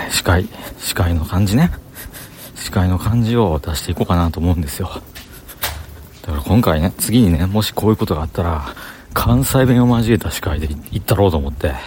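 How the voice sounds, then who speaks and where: A man's voice: deep voice, a little mellow, a little hiss or hum. Chatty man with a Banshu Kansai lilt. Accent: Kansai, Banshu (Himeji) dialect. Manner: chatty self-talk, thinking aloud. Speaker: vlogger talking to camera. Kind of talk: casual rambling monologue while walking. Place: outdoors on city streets.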